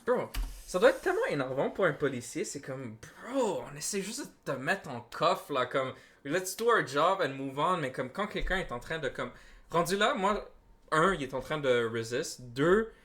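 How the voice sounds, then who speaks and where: A man chats through a reaction video, loose and slangy, dropping English phrases. His voice is fairly high and bright. His pitch swings a lot as he talks. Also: moderate pace. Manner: animated, slangy, mixes English into French. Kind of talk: casual reaction chat.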